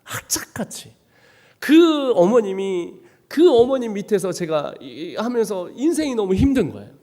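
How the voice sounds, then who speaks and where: A man preaching a dramatic testimony sermon as a missionary, swinging from hushed to shouting. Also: high-pitched, sing-song, moderate pace, long reverb tail. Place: church sanctuary.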